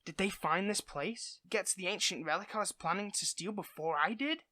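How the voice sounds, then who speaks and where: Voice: medium pitch, brisk, pushed and bright, no echo, lightly acted. A performer acting a dorky, affectionate villain in a one-sided audio role-play, stammering and sheepish, eager to impress a partner. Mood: anxious, tender.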